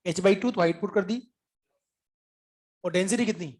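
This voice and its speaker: A man teaching physics in an informal, chatty lecture, mixing English terms into his speech, clearing his throat now and then, and coaxing the class by checking whether they followed. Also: sits high, moderate pace, darkish tone.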